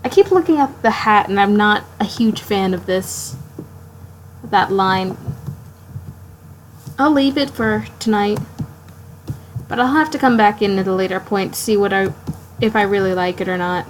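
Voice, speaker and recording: A woman's voice: medium pitch, a little hiss or hum, poor audio. Sleepy woman rambling while she draws. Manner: rambling, halting, talks to herself while drawing. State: sleepy, yawning late at night. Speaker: art streamer. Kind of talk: casual live-stream self-talk.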